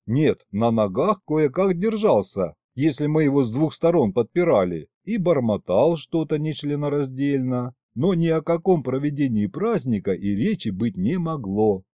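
A man reads a comic audiobook in the first person, with a wry tone and a lively, swinging pitch. The recording is dry and close to the mic. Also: normal speed, hardly any pauses, no room sound. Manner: wry, expressive. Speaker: audiobook narrator.

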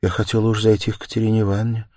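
A man reading an audiobook voices a timid, meek young woman who speaks softly and hesitantly, at times pleading. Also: lowish voice, completely flat delivery, rapid-fire, dry recording, clean studio sound, voice pushed up, close to an everyday voice. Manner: soft, hesitant, rising to tearful pleading.

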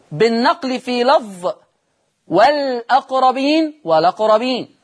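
A man with an Egyptian accent teaching Quran recitation rules on TV. He demonstrates each reading and poses questions he then answers himself. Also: high voice. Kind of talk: televised recitation lesson. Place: TV studio.

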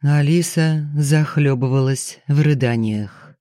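A man's voice: on the high side, slow, dark tone, dry recording. Dry-voiced male audiobook narrator. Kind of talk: scripted thriller narration.

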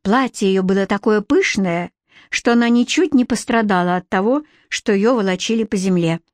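A woman reading a storybook aloud as narrator, lively and expressive. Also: mid-range voice, normal speed, no room sound, studio quality. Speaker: audiobook narrator.

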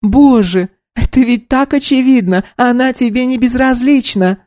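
A man's voice: very high voice, moderate pace, pitched above the performer's own voice. A man reading an audiobook, voicing a bubbly, teasing young woman blogger in a raised voice. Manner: teasing, excitable. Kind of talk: audiobook character voice.

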